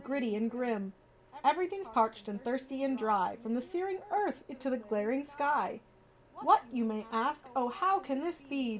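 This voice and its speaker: A high-voiced woman hosts a livestream mixing casual chat with children's bedtime story reading. She's informal and chatty, addressing her viewers directly.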